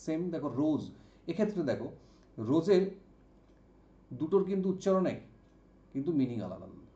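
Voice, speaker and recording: A man with a fairly high but mellow voice explains vocabulary, repeating each example word and asking whether his students follow. The sound is dull and carries room echo. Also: animated. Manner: explains slowly, repeats words and asks "ok?". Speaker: English vocabulary teacher. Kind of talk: exam-prep lesson.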